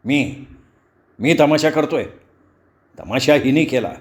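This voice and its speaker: A man voicing a hot-tempered, bullying young husband who scolds and taunts loudly. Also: mid-range voice, takes it slowly, close to an everyday voice. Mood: raging.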